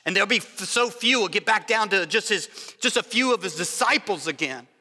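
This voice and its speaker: Bright, high-voiced man preaching in a hall. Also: brisk. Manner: animated preaching with restarts and voiced asides. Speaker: pastor. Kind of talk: sermon.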